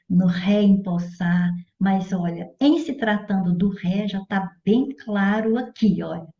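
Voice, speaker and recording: A woman's voice: mid-range voice, warm tone. A Brazilian woman teaching a grammar lesson for exam prep. She explains step by step and keeps asking whether her students follow. The recording is dull and muffled, with the echo of a bare room. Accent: Brazilian Portuguese. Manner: didactic, checks in with "certo?" and "olha". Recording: dull echoey room audio.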